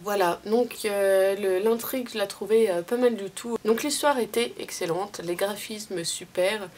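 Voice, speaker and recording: A woman's voice: medium pitch, measured pace, darkish tone, slight background noise. A young woman giving a casual, rambling game review on her vlog, full of fillers and restarts. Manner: chatty, many fillers and restarts, self-mocking. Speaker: video blogger.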